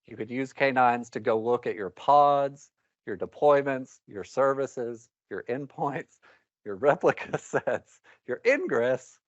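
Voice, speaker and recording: A man's voice: medium pitch, expressive, slow pace, no room sound. A man presenting a technical talk to a live meetup audience, wry and rambling, with candid asides. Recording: dull, muffled meetup recording.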